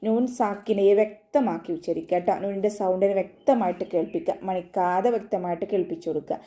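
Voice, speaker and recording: A woman's voice: medium pitch, steady tone, fast, warm tone. A woman teaching Quran recitation in an online lesson, explaining pronunciation patiently, step by step. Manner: patient, step-by-step instruction with frequent tag questions.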